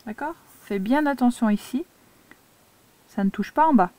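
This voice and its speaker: Une institutrice française qui explique l'écriture cursive à de jeunes élèves, pas à pas et avec patience. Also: female voice, on the high side, expressive, a little mellow, dry recording. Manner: slow, patient step-by-step instruction. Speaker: primary school teacher. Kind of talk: handwriting lesson for young children.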